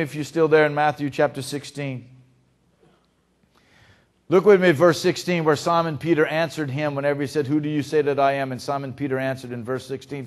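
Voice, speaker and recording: A male pastor preaching a sermon, swinging between hushed, intimate lines and loud, emphatic ones. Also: on the high side. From Louisiana.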